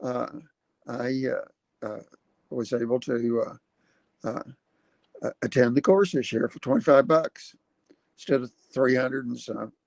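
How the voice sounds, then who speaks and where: A man in his seventies hosting a casual livestream from his computer at home, rambling and halting with many fillers. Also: mid-range voice, creaky, no room sound. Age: 70s. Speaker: livestream host. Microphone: computer webcam mic.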